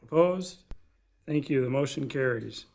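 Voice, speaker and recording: A man with a measured, gravelly delivery, speaking formally as the chair of a commission meeting. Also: medium pitch, a little mellow. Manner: measured, procedural. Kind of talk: formal procedural meeting talk. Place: public meeting room.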